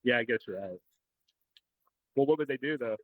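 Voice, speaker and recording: Brief: relaxed male podcast co-host, mid-pitched, laughs easily, recorded close and dry. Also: moderate pace, dry recording, phone-quality sound. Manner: easygoing, laughs often, short agreeing replies. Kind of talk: casual chat.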